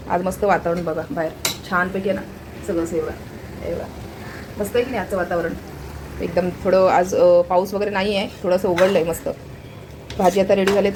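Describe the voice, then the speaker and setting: A woman's voice: mid-range voice, noisy background. A woman with a Marathi accent narrating a casual home vlog from her kitchen, chatting to viewers as she points things out. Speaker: vlogger.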